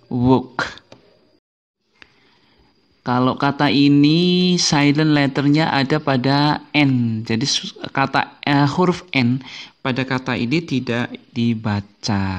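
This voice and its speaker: A man teaching English as a video lesson, patiently repeating each word for beginners. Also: medium pitch. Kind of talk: slow explanatory video lesson.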